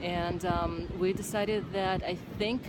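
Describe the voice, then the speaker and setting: Woman host young woman, relaxed beach vlog chat, lowish voice, thoughtful with lots of fillers, phone mic, loud outdoor noise. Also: slow pace. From Uzbekistan. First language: Russian. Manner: thoughtful, hesitant with many fillers. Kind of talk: casual chat. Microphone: handheld phone camera.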